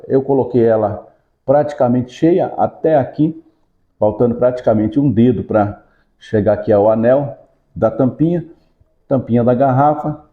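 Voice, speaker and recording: A man's voice: reverberant, narrow, tinny audio. A man, a pastor, teaching a Sunday school lesson with a hands-on demonstration, explaining step by step and checking in with his listeners. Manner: raises pitch in rhythmic command when casting out.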